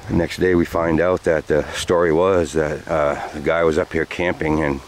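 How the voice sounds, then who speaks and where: His voice is a low rumble with little pitch movement and a moderate pace. He's a vlogger in his forties, rambling through a story with lots of fillers while walking sandy trails near the woods, recorded on a handheld camera with faint noise from outside.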